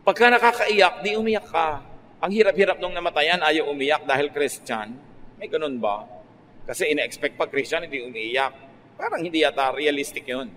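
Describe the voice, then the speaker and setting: A man's voice: on the high side, moderate pace. Filipino man preaching in a reverberant hall. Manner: conversational preaching, mixing Filipino and English with lively rises. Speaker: pastor. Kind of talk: radio sermon. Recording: faint noise, long reverb.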